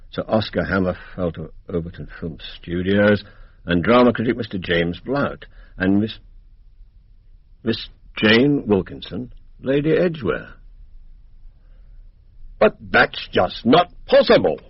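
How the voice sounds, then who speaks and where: An actor with an English accent playing a brisk, cocksure, middle-aged police inspector in a radio drama, blunt and colloquial. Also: male voice, low-pitched, breathy edge, dry recording, full character voice. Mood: puzzled. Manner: blunt, colloquial, self-assured. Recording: dull, band-limited radio drama recording.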